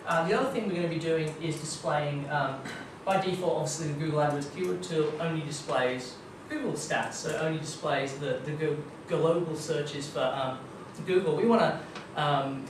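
At a marketing meetup, a young Australian guest speaker gives a casual, chatty tech talk loaded with ums and kind-ofs, his voice on the high side, at normal speed with few pauses. It's a dim meeting room with a projector screen, and a far room camera makes the audio echoey, distant, and noisy.

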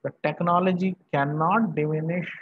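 Husky and fairly high-pitched, this male university professor from Varanasi, northern India, keeps a fairly even intonation while lecturing students over the internet. He speaks emphatically in halting, repetitive short phrases. There's no room sound despite the small indoor space, though the video-call audio is dull and muffled.

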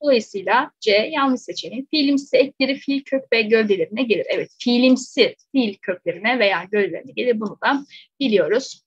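A woman teacher works step by step through exam questions, often checking in with rhetorical questions. Her voice is a little high, fairly quick and slightly rough. The recording is close, dry and slightly dull, with no echo.

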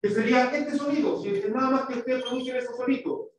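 A man's voice: extremely high pitch, quick pace, a little hiss or hum. A male English teacher giving a classroom lesson, explaining step by step, quizzing students and demonstrating sounds. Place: school classroom. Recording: echoey classroom, mic far off.

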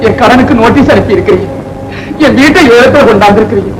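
A man's voice: sits high, fast talker, reverberant, rough recording. An actor playing an aging father ruined by debt, pleading and lamenting in old film style. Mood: indignant. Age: older. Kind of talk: 1960s film acting. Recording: old film soundtrack with music.

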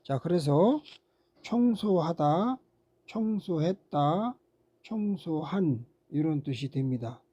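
Patient lecturer for a recorded grammar lesson: slow delivery, very warm dark voice, asks students rhetorical questions. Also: medium pitch, expressive, breathy edge, muffled recording. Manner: frequent "ja" fillers between steps. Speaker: English teacher.

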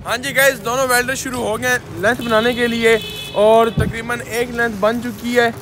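A man's voice: very high-pitched, little pitch movement, normal speed. A young man from Pakistan with a Punjabi-tinged Urdu accent, vlogging from a rooftop construction site and explaining the work to viewers. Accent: Punjabi-influenced Urdu. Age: young adult. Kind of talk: casual vlog walkthrough. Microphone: phone camera held at arm's length. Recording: noisy outdoor phone recording.

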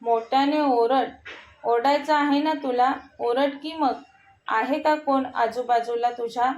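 A cruel, scheming young man, taunting and sneering in a high voice, as a woman storyteller puts him on. The sound is roomy and echoey, as in a bare room. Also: steady tone, measured pace, darkish tone.

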